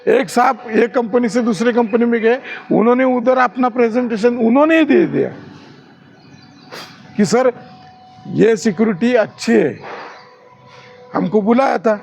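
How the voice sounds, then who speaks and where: A man's voice: very high voice, normal speed, vocal fry, slightly rough. A man training security guards in class, quizzing the trainees with questions and showing rude and polite ways to talk.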